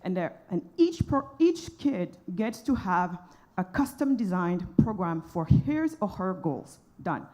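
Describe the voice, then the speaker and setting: A woman's voice: fairly low pitch, sing-song, a little slow, mellow. A woman from Senegal, an entrepreneur, speaking on a conference panel in a passionate, emphatic and outspoken way.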